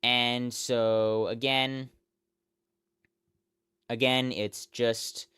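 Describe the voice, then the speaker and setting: An American man hosting live, off-the-cuff election results commentary, reeling off figures and place names in a halting, repetitive way. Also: mid-range voice, flat delivery, pushed and bright, clean tone, dry recording. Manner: halting, often repeats himself, reels off figures and place names. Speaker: election night live stream host.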